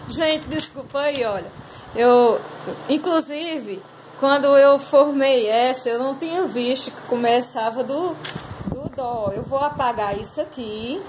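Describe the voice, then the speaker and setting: High-voiced woman teacher explaining slowly. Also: a little hiss or hum, low-quality recording. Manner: patient, explaining step by step, drawn-out words. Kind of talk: recorded class lesson correcting exercises.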